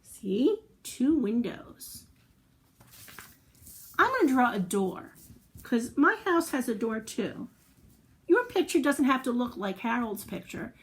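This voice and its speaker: A woman with a slightly high voice leads a children's storytime, reading a story aloud and chatting encouragingly with young listeners. She speaks slowly with wide swings in pitch and long pauses, offering simple explanations and asking questions.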